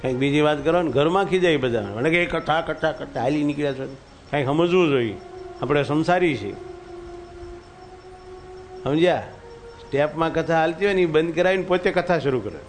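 A man's voice: a little high, expressive, brisk, long pauses, faint music behind. A man giving a devotional sermon, telling stories in a folksy way and chanting verses. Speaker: religious storyteller.

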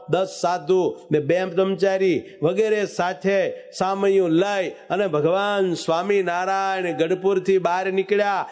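A man preaching a devotional sermon, telling a story and breaking into sung verses. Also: sits high. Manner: storytelling, bursts into sung verses, calls out lines.

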